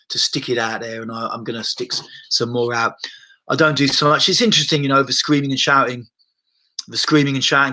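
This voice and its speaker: This man, a body-based therapist, answers viewer comments in a casual livestream, drifting conversationally with frequent restarts and curses. His mid-range voice has a sharp edge, and the laptop mic adds a little hiss or hum.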